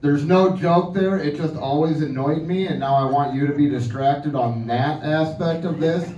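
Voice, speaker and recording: A man's voice: on the high side, normal speed, mellow, recorded from a distance. Stand-up comic, thirties, male, lisp, dry self-mocking delivery, dull echoey room. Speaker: stand-up comedian. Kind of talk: stand-up comedy set. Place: comedy club stage. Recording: dull, roomy club recording from afar.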